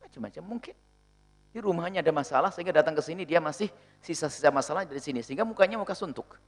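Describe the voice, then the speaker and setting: A man's voice: fairly high pitch, very fast. A man preaching in a sermon, answering a question and acting out little dialogues in different voices as he goes.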